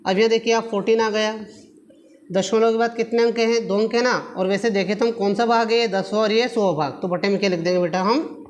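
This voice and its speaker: A man's voice: high-pitched, fairly even intonation, a little fast. A man teaching a maths class at a board, patiently asking his pupils rhetorical questions and answering them himself, calling them affectionately children. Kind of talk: classroom lesson explaining at a board.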